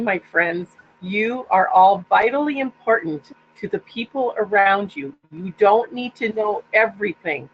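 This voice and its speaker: An older woman sharing an emotional message with her team, tender and pleading. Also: medium pitch. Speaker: guest speaker on a team call. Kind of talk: heartfelt personal sharing. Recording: dull lo-fi line with faint hum.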